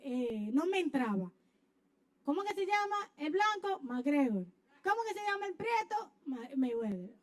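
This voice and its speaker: A woman preaching a sermon, telling a personal story with lively acted-out scenes and sudden shouts. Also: sits high. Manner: animated storyteller, acts out scenes, bursts into shouts. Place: church.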